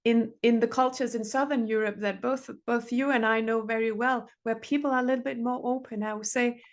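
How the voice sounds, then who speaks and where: Speaking fairly quickly, with a slightly high voice and fairly even intonation, a Danish therapist in middle age gives earnest relationship advice on a podcast. She tends to repeat phrases for emphasis.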